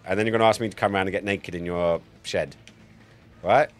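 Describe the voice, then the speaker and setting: Low-voiced and quick, with fairly even intonation, a forty-something man rambles through casual gameplay commentary on his live stream. He jokes around and swears plenty, talking into a boom-mounted streaming mic close up in his home setup.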